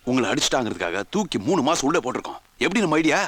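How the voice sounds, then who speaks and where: An actor playing a brisk, impatient young police constable in a film comedy, speaking curtly. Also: male voice, medium pitch, very animated, no echo. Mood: eager. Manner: quick, curt, exasperated. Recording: film soundtrack with music.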